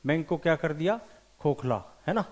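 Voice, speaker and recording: A man teaching English vocabulary for competitive exams, animated and repeating key words slowly for emphasis. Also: a little high. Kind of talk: vocabulary lesson with memory tricks.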